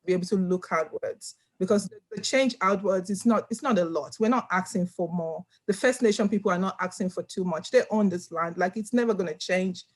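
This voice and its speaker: A woman's voice: medium pitch, brisk, hardly any pauses. A woman from Nigeria speaking on a video call panel, earnest and emphatic, often repeating words as she stresses a point. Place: home room.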